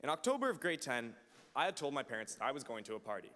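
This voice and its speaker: Young man's animated podium speech, echoing hall. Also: mid-range voice, fast. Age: late teens. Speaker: high school valedictorian. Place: large auditorium stage. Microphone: podium microphone on a stand. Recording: reverberant hall through PA microphone.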